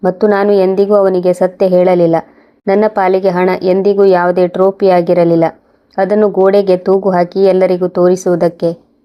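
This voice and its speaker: A woman telling a moral story as scripted first-person narration, calm and measured. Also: lowish voice.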